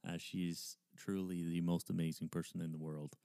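A man's voice: sits low, little pitch movement, normal speed, gravelly, mellow, clean tone, no room sound, clean studio sound. A man hosting a podcast in a casual, conversational and effusive way. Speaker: podcast host.

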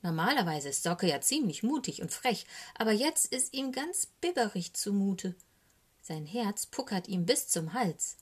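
Brief: woman narrating a children's storybook, breathy, very lively pitch, hushes for suspense. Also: a little slow. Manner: expressive, dropping to whispers for suspense. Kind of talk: storybook reading.

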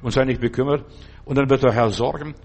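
A man's voice: mid-range voice, steady tone, fast talker, darkish tone, faint music behind. An older man giving an earnest sermon, exhorting his listeners and addressing them directly. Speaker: preacher.

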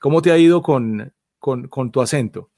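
A man's voice: mid-range voice, moderate pace, mellow, no echo, clean studio sound. A man hosting a casual chat, with a wry, chuckling manner.

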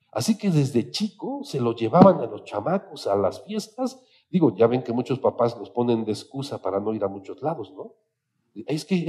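A man with a Mexican accent giving an animated, chatty talk on psychology, telling anecdotes as he goes. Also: mid-range voice. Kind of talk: storytelling lecture.

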